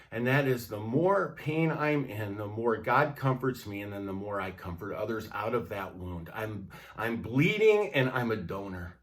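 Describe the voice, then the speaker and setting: Guy preaching a short devotional, lively up and down pitch, chatty and punchy. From United States. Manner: conversational, emphatic, with repeated tag questions. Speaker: pastor. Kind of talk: devotional sermon.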